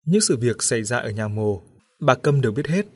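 A man reading a scripted horror story with steady, measured narration. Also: medium pitch, breathy edge.

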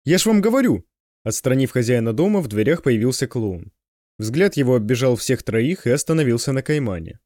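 Expressive male audiobook narrator. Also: medium pitch, brisk, dry recording. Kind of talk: scripted narration.

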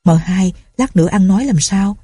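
A woman's voice: medium pitch, moderate pace, breathy edge, dry recording, clean studio sound, natural voice. A woman reading a story aloud, voicing an anxious, loyal old male servant. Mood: worried. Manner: anxious, soft-spoken.

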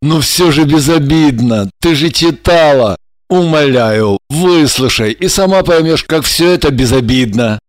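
A man voicing a flustered husband who tries to calm and placate his wife, mumbling excuses in an audiobook. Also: on the high side, measured pace, no echo, clean studio sound. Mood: placating.

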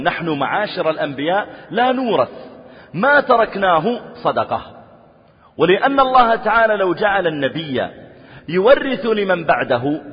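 A male preacher giving a sermon, chanting verses slowly and explaining them with lively acted-out dialogue. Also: sits high. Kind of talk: sermon with Quranic recitation. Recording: dull sound with long hall reverb.

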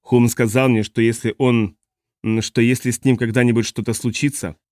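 A man reading the part of a steady older man who consoles the others in a low, calm voice. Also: moderate pace, no room sound, studio quality, lightly acted. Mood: consoling.

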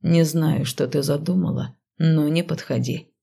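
A woman reads as a surly male necromancer, curt and snappish, his lines dropped low and quiet. He is stubborn and menacing, as she puts him on for an audiobook. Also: a little slow, creaky, slightly rough, exaggerated voice. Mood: irritated. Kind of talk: audiobook reading.

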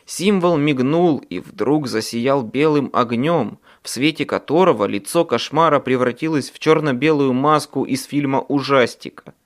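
A man narrating an audiobook in first person with a dramatic, expressive delivery. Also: medium pitch.

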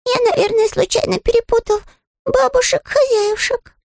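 A small, earnest bear cub speaks in a very high, thin voice, timid and apologetic, as a woman reading the storybook voices him. His lines sound plaintive and a little pitiful, and the recording is dry and close. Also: steady tone, normal speed, gravelly, no room sound.

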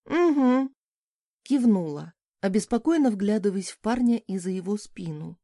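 A woman narrating a first-person audiobook in a lively, expressive reading. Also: medium pitch, normal speed, no room sound, studio quality.

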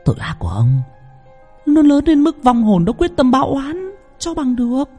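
A man voicing a female spirit medium in a trance, who prophesies doom in a shrill, harsh voice for a horror story. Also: wildly swooping pitch, moderate pace, husky, faint music behind, heavily acted. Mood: menacing. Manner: prophesying doom in shouts and cackles.

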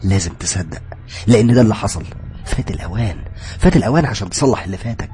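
A man's voice: lowish voice, lively intonation, rapid-fire, warm tone, faint music behind, close to an everyday voice. A man voicing a frightened, guilt-stricken young woman in a horror story, speaking in an Egyptian Arabic accent with a raised, strained voice. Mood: insistent.

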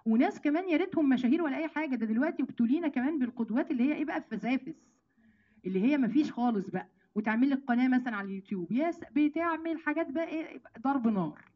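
Fast-talking Egyptian woman teaching scripture. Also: high-pitched, lo-fi sound. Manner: lively, rhetorical questions, addresses listeners directly; recites verses slowly and deliberately. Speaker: religious teacher. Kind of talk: Quran commentary lesson.

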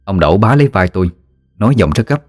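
A man narrating a ghost story in a measured storytelling voice. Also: on the low side, expressive, a little mellow, dry recording, studio quality, faint music behind.

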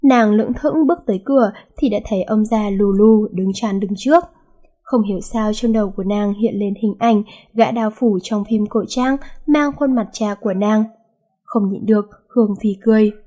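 A woman narrating a romance novel in a lively, amused storytelling manner. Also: medium pitch. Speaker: audiobook narrator.

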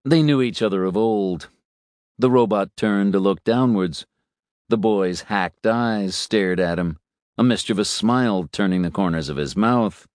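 A man reading a story aloud in a measured, unhurried way. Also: fairly low pitch, darkish tone, dry recording, clean studio sound. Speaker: narrator. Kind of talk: storybook narration.

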